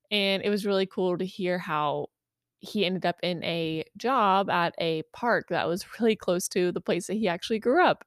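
A woman's voice: medium pitch, no echo, studio quality. A woman hosting a weekly podcast, talking in a chatty, upbeat way with plenty of fillers. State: just over a cold. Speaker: podcast host. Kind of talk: casual podcast intro.

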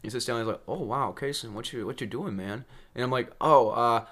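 Young guy on a podcast, telling a story all animated, does little voices and laughs a lot. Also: mid-range voice, fairly quick. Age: young adult. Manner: animated storyteller, acts out quotes, laughs often. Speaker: podcast co-host. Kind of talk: casual storytelling chat.

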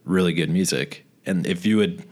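A man's voice: deep voice, normal speed. A man co-hosting a podcast in casual chat, easygoing and storytelling, often searching for the right words. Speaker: podcast co-host.

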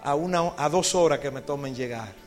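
A man's voice: on the high side, fairly quick, faint music behind. A male pastor preaching an evangelistic sermon, telling the story dramatically and putting questions to the congregation. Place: church service with congregation.

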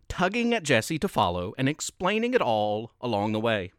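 A man reading a Christmas story aloud as narrator, in an expressive, sing-song way. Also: on the high side, no room sound, clean studio sound.

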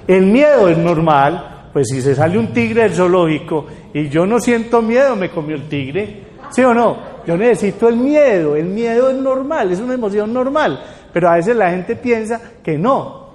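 Older guy giving a talk, pretty high voice, big hall echo, keeps asking the crowd questions. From Colombia. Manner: lively, asks the audience rhetorical questions. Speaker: lecturer. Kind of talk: public talk to an audience. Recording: long hall reverb.

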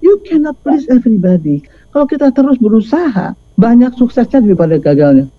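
An older woman talks as an interview guest, slangy and lively, jumping into little acted-out voices as she tells her stories. The audio is close and dry, with a slightly dull, muffled top end. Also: a little high, fairly quick, no room sound. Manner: lively storyteller, slangy, acts out quoted voices. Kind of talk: casual interview talk.

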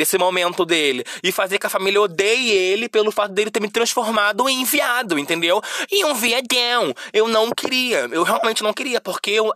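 A man's voice: sits high, sharp tone, no echo, studio quality. A young adult man with a Brazilian Portuguese accent, telling a personal story in an emotional, repetitive way with lots of fillers. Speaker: podcast host.

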